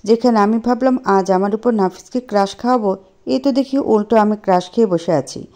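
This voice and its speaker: Woman, story narrator, first person, expressive, mellow voice, mid pitch. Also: brisk.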